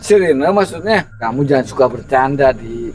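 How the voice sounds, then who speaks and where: An actor playing a dismissive school official who keeps waving away warnings, recorded with a noisy background. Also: male voice, medium pitch, animated, normal speed, darkish tone, lightly acted. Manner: dismissive, brushing off worries. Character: stubborn skeptical school official, middle-aged man. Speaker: man expecting to be headmaster. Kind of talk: horror film acting. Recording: noisy outdoor ambience.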